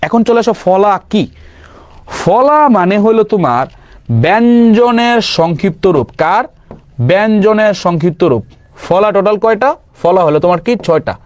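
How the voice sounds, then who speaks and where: A young man teaching grammar for an exam-prep class, firing quick questions and answering them himself, casually mixing in English words. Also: sits high, animated, dry recording. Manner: quizzing with rapid questions and self-answers. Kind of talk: online exam-prep lesson.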